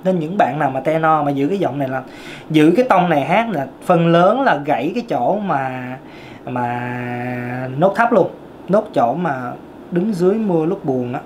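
A man's voice: fairly high pitch, animated, fairly quick, slight background noise. A man with a Southern Vietnamese accent and a tenor voice, teaching a singing lesson as a vocal coach. He explains emphatically and repeats key points.

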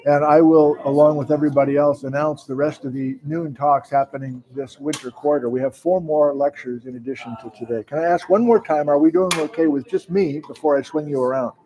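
A man's voice: fairly high pitch, steady tone, fairly quick, hardly any pauses, warm tone, low-quality recording. A man hosting a university lecture livestream in casual chat, greeting viewers by hometown. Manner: chatty, reads out viewers' hometowns. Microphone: mic worn by host.

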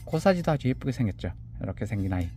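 Lively-pitched man casually selling pots. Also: racing, faint music behind. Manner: gentle, chatty, measuring items aloud. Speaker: seller presenting handmade pots. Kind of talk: casual sales presentation. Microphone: camera on a table.

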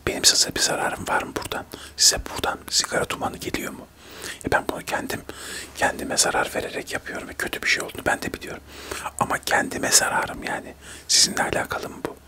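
A man in his thirties doing a whispered role-play of a testy TV debate, arguing insistently in a breathy whisper. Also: quick pace. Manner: whispering throughout, argumentative, insistent. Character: testy male TV debate guests squabbling in whispers. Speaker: ASMR creator acting out a debate show.

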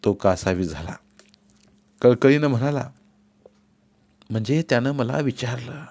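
A man narrating a novel as an audiobook, giving the characters' dialogue raised, forceful delivery. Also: expressive, a little slow. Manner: voices characters with rising pitch and force in dialogue. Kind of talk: dramatic audiobook reading.

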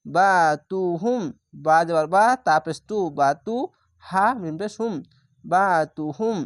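A Quran reading teacher who spells each word out syllable by syllable and then chants it slowly, with calm explanations in between. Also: medium pitch, no echo, clean studio sound. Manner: calm instructive explanations between recited words. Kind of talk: step-by-step recitation lesson.

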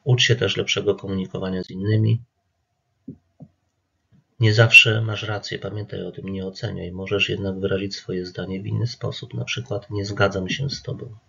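A man, an addiction therapist, calmly explaining group therapy rules straight to the listener in an instructive presentation. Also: lowish voice, normal speed, creaky, slightly rough, dull audio. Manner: calm, instructive, addresses listener directly. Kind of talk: talking-to-camera presentation.

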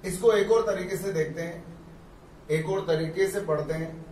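A physics teacher gives a classroom lecture, explaining step by step and repeating terms slowly. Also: male voice, high voice, fairly even intonation, darkish tone, slight background noise. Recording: echoey room, mic far off.

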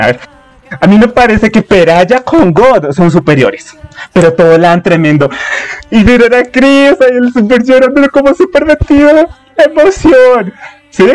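A man with a Colombian accent hosting a reaction video, talking excitedly and exclaiming at his viewers. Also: sits high. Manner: animated, exclamatory, chatty with viewers.

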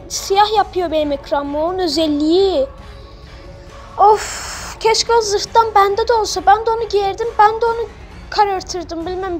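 Super high-pitched woman gamer, blunt and excitable, bit of music in the background. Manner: excitable, blunt, mouthy trash talk at other players. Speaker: gamer playing on a role-play server. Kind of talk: live let's-play commentary.

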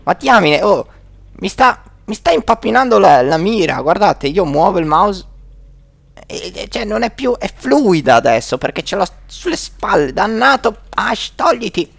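A man hosting a let's play, talking over his gameplay with lots of exclamations and jokes. His voice is gravelly and somewhat high, with a lively, bouncing pitch. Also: normal speed, no room sound. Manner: chatty, exclaiming, joking at the game. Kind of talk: gameplay commentary.

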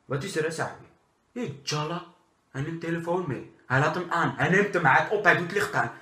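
A man's voice: fairly high pitch, a little fast, sharp tone. Man playing a brash Moroccan-Dutch street-slang burglar. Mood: impatient. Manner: slangy, repetitive, scolding. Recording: roomy echo of a bare room.

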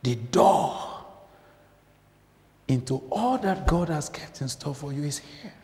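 A man's voice: fairly high pitch, expressive, slow pace. Impassioned male preacher in a reverberant church. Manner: impassioned, swings from loud to hushed. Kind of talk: sermon.

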